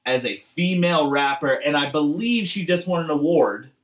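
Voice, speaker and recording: Podcast co-host, man about thirty from Massachusetts, exasperated ranting delivery, mildly high voice. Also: lively intonation, moderate pace, far from the mic. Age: late 20s to early 30s. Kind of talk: casual profane chat.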